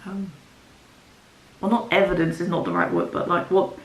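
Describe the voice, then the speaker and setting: Chatting about books to the camera, a woman whose first language is Dutch rambles at a normal speed, often saying um and starting over. Her voice is on the low side with fairly even intonation, heard in a roomy echo with faint ambience.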